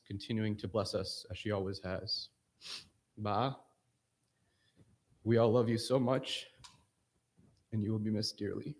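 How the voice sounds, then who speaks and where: A man delivering a personal funeral eulogy, earnest, pausing between short phrases. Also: fairly low pitch. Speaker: family member giving a eulogy.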